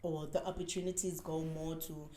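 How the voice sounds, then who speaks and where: Deep-voiced and speaking at a normal pace, this dancer from South Africa, in her twenties, chats openly as an interview guest. Her lively anecdotes are full of "like" and "man," and the recording is reverberant with crowd noise behind her.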